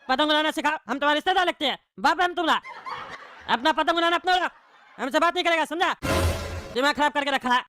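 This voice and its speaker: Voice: high voice, fast talker, long pauses, bright, forceful tone, a little hiss or hum. Voice doing a grumpy bald train uncle. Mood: scolding. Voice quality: scolding, impatient. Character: grumpy bald middle-aged male train passenger. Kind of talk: cartoon comedy.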